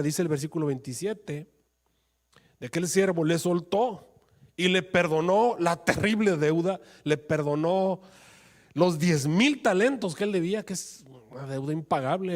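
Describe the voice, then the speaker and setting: A man's voice: sits high, expressive, normal speed. A male pastor preaching a sermon with passion, his voice rising into emphatic pleas.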